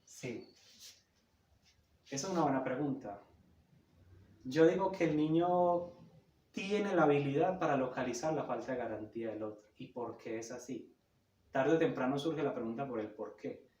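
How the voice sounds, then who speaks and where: Explaining psychoanalysis, a male lecturer teaches in an emphatic, didactic way, frequently asking "cierto?" to check in. His mid-range, slightly mellow voice has lively intonation, a normal speed, and frequent pauses. Recorded in an echoey room, he sounds a bit far from the mic.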